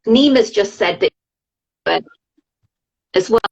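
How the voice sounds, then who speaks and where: A middle-aged woman speaks over a video call that keeps breaking up, her words dropping in and out. The sound is dull and muffled, and her voice has a slightly husky edge. She talks in a halting way and restarts her sentences. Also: medium pitch, lively intonation, darkish tone. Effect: internet call audio cutting out. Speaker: guest. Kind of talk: casual chat.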